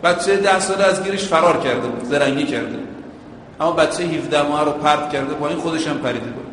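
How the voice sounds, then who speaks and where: A male preacher with a slightly high, somewhat bright voice delivers a sermon in an echoey hall with long reverb and a little background noise. He draws on everyday driving comparisons and chants quotations in Arabic.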